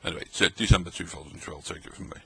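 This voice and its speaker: A middle-aged man races through rambling, jokey chatter while tasting old tinned food at his table late at night, talking as he eats for a casual vlog. His voice is deep and creaky with a breathy edge.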